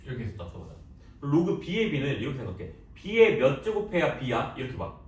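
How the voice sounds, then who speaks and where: A male math teacher giving a classroom lecture, lively and teasing, quizzing students with quick questions. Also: mid-range voice. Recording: echoey classroom, voice from far off.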